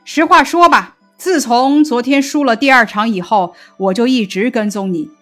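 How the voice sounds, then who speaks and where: A woman's voice: fairly high pitch, normal speed, faint music behind, natural voice. A woman reading as a sheepish ancient king.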